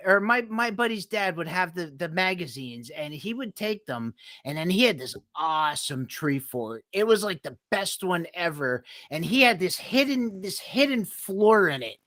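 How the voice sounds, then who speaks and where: Bright, dry-miked man telling animated stories. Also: high voice, moderate pace, hardly any pauses, no room sound. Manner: animated storytelling, laughing. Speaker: podcast co-host. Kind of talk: casual chat.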